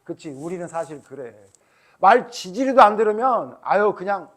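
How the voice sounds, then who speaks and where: A man's voice: sits high, sing-song, normal speed, a bit bright. A middle-aged male pastor giving a children's sermon, asking the kids questions and acting out what the people in the story say. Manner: asks the children questions, acts out voices.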